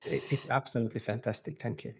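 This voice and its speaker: A middle-aged man from Hungary with a strong Hungarian accent, a podcast guest who talks in an earnest, halting way. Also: medium pitch, steady tone, vocal fry, breathy edge. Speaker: podcast guest, qigong instructor.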